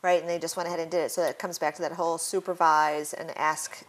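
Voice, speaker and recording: A woman's voice: sits low, level tone, fast talker. A woman hosting a casual educational chat, often agreeing with "right" and explaining points with statistics.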